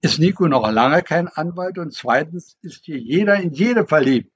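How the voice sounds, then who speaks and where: A man voicing a quick-witted, cheerful young woman with brisk, spirited speech, on a dull lo-fi recording. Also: fairly high pitch, expressive, breathy edge.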